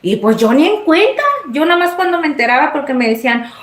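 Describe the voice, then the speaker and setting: Mexican woman host, chatty live-stream storyteller, lively high voice, roomy echo. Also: fast. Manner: animated, swoops high when retelling scenes. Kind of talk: casual storytelling to viewers.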